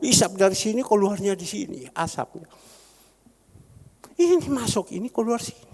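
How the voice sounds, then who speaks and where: A man preaching as a pastor, repeating phrases fervently and rising to sudden loud peaks. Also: very high-pitched, creaky. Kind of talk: sermon. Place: large church hall. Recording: long church-hall reverb.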